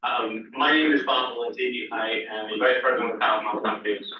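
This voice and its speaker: A man's voice: mid-range voice, brisk, slight background noise. Man on a phone held to a mic. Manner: steady, with frequent "uh" fillers. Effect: voice from a cell phone held up to a microphone. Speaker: business presenter. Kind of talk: formal presentation over the phone. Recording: muffled phone sound through a very echoey hall, from far off.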